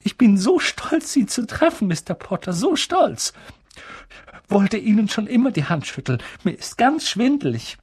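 A man's voice: high voice, big pitch swings, unhurried, a little mellow, breathy edge, no echo, pitched above the performer's own voice, heavily acted. A man doing a fluttery doting old woman. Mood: starstruck. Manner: fluttery, gushing.

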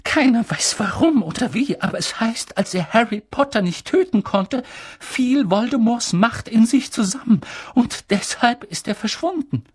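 A reader putting on Professor McGonagall, high and urgent. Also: big pitch swings, a little slow, slightly rough, exaggerated voice. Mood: shaken. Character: stern older female professor, sharp and agitated. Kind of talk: audiobook character reading.

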